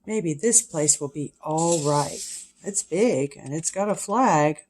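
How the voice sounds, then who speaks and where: A woman's voice: low voice, lively intonation, takes it slowly, a little mellow, slight background noise. Older woman as bossy, sweet-voiced mother bird. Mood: pleased, decided. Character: bossy, house-proud female storybook bird wife.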